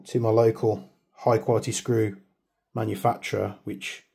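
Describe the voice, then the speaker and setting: A British man with a lowish, creaky, warm, husky voice speaks at normal speed with little pitch movement. An airsoft video maker, he rambles chattily through a hands-on product review, self-deprecating and joking about his own waffling.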